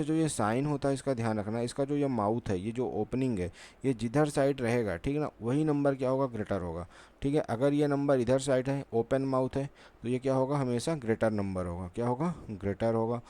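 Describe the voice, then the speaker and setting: A man with a warm, medium-pitched voice teaches maths at a board, speaking a little fast. He patiently repeats himself, often saying "ठीक है" and answering questions he poses to himself.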